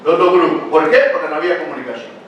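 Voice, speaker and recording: A man's voice: on the high side, very fast, dull audio, background noise. An older man preaching a sermon as pastor, talking to the congregation in a casual way and asking them many rhetorical questions. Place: church hall. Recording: very echoey church hall, picked up from a distance.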